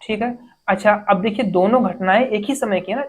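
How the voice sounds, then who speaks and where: A woman teaching an exam-prep grammar lesson, explaining step by step, asking questions and answering them herself, and reading example sentences slowly. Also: mid-range voice, husky. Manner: reads English sentences slowly, word by word.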